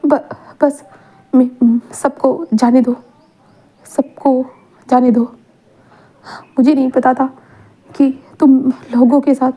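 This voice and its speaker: A woman's voice: high-pitched, mellow. A woman voicing a desperate young man who stammers and pleads to be killed. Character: desperate young man offering his life. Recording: tinny phone-like audio.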